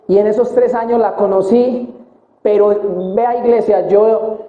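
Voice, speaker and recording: Young male preacher, high voice, emotional sermon testimony, echoey tinny recording. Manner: emotional storytelling, addressing the congregation directly. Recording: echoey, tinny phone-like sound.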